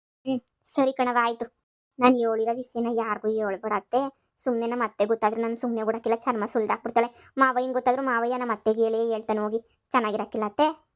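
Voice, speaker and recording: A woman's voice: steady tone, fast talker, close to an everyday voice. A woman voicing a sly young village housemaid in a cartoon comedy, coaxing and wheedling. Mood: confiding. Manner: high-pitched, coaxing and wheedling.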